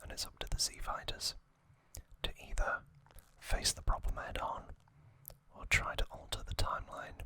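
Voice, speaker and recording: Short, hushed phrases separated by pauses make up this ASMR host's recap, all whispered in a breathy, unvoiced way.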